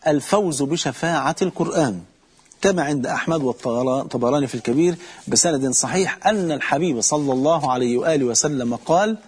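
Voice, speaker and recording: A man with an Egyptian Arabic accent delivers a sermon, his voice husky and pitched a little high. He talks at a quick clip and addresses his listeners directly. He slows down sharply to draw out the lines he quotes. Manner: storytelling with slow, drawn-out quotes. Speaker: preacher.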